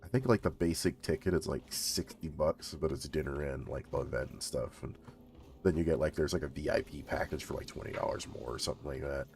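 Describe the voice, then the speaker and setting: A man's voice: extremely low pitch, a little fast, vocal fry, a little mellow. A man hosting a stream, chatting casually while gaming, laid-back and full of fillers. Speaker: stream host.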